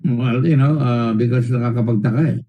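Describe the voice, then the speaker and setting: A man's voice: medium pitch, fairly even intonation, brisk, dull audio. A man with a Filipino accent chairing a formal hearing, questioning a witness sternly, lecturing at length and mixing English and Tagalog. He stalls often on fillers and repeated words. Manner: switches between English and Tagalog mid-sentence.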